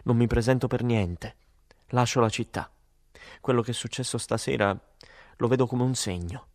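A man voicing a weary, disappointed young woman in an audiobook, speaking soft and subdued. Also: mid-range voice, moderate pace, close to an everyday voice. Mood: resigned.

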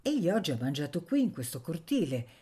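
A woman's voice: low voice, big pitch swings, fairly quick, mellow, breathy edge, full character voice. A woman voicing a plump little girl with a commanding, imperious tone. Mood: bossy.

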